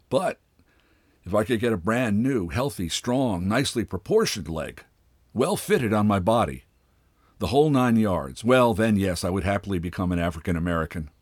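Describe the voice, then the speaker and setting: A man voicing a bitter, pompous old father with a wooden leg, speaking with sardonic, drawn-out mockery in a storybook reading. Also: on the low side, animated, no echo, studio quality. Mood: scornful.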